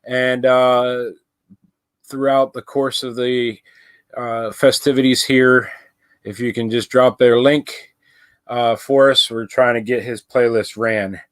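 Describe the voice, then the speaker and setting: A man's voice: medium pitch, flat delivery, slow, a bit bright, clean tone, no room sound. A young adult man hosting a casual livestream from his RV, rambling, with many fillers and restarts. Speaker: livestream host. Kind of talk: casual live chat. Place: inside an RV.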